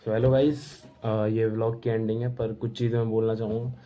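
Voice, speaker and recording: A man's voice: on the low side, level tone, normal speed. A young man telling a rambling, casual travel story to camera from home. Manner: chatty, rambling, keeps saying bhai. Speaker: travel vlogger. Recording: tinny phone-like sound.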